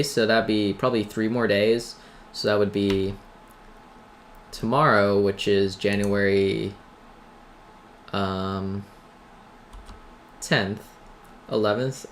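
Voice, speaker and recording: Hosting a gaming video, a man talks in a medium-pitched, somewhat bright voice, offering rambling, casual commentary with tongue-in-cheek asides that poke fun at himself. His noisy home mic records keyboard clatter, typing and background noise.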